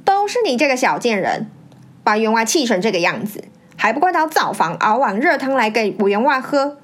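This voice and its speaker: A woman voicing a cruel, scheming first wife who flips between false sweetness and sharp scolding in a storybook tale. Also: mid-range voice, lively intonation, a little fast, pitched below the performer's own voice, natural voice. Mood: shrill accusing. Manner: sly, scolding, two-faced. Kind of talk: storybook reading.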